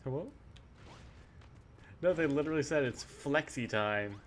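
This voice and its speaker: A game streamer chatting casually through play in a middle-pitched voice that moves around a lot. Faint noise sits behind the commentary. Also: lively intonation, measured pace. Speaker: gaming streamer.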